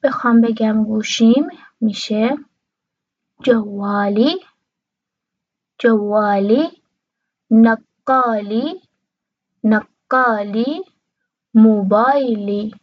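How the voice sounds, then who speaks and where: A woman with a fairly high voice teaches vocabulary, pausing to repeat each word slowly and clearly. The sound is dry and close with a slightly dull, muffled tone. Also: darkish tone, no echo. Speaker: Arabic teacher. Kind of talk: language lesson.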